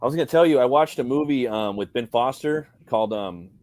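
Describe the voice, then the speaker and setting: A man's voice: mid-range voice, fairly quick, a little mellow, dry recording. A man co-hosting a podcast, rambling and swearing as he chats casually about films. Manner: rambling, heavy swearing, slangy. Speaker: podcast co-host. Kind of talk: casual movie chat.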